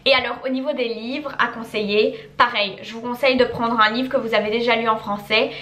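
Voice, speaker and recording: A woman's voice: on the high side, fairly even intonation, fairly quick, sharp tone. A young woman vlogger chatting enthusiastically with some hesitant fillers, giving casual recommendations. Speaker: language-learning YouTuber. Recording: echoey room.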